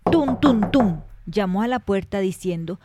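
A woman who hosts and narrates children's stories in an expressive storytelling manner. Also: medium pitch, a little slow, noisy background. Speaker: storyteller host.

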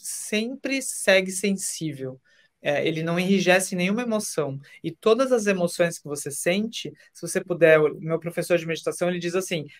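A man speaking in a soft, reflective way on a podcast. He talks at an unhurried pace and draws out the key phrases, with the calm manner of someone explaining feelings. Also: high-pitched. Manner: gentle, slows down on key phrases and acts out quoted voices. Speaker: podcast guest. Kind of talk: reflective conversation on emotions. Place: podcast studio.

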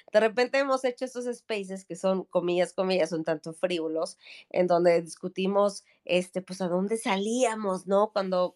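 A woman in her thirties from Mexico City, with that city's Spanish accent, chats casually as a podcast guest, using plenty of fillers and tag questions. Her voice is mid-range with a somewhat dark tone.

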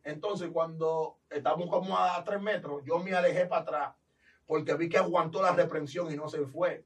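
With a Dominican Spanish accent, a pastor from the Dominican Republic recounts his testimony in a lively way, voicing the characters he quotes. His fairly high voice comes through a distant mic on a rough recording.

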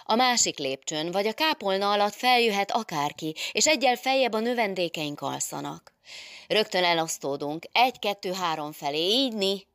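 Woman putting on a loud bossy nun, high strained voice, gravelly edge, dry sound. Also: lively intonation, dry recording. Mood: commanding. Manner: shouting commands. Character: bold loud gentry nun, commanding.

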